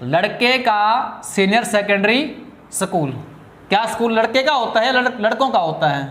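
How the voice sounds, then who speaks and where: A man's voice: extremely high pitch, a bit bright. Hindi-accented man, classroom grammar teacher, quizzes then answers himself, drags key words, roomy echo. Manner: asks students questions and answers them himself; drawls key words slowly. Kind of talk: classroom lecture. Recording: echoey room.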